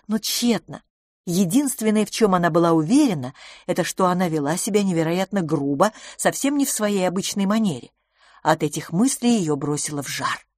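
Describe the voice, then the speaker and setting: Expressive female audiobook narrator, lowish voice, dry studio sound. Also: no echo. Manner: expressive, lively reading. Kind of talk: scripted narration.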